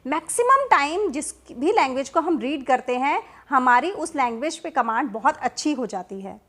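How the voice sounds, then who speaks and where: A woman giving a home-teaching lesson as a YouTube teacher, mixing Hindi with English words. She talks deliberately and repeats model sentences. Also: high voice, fairly bright tone.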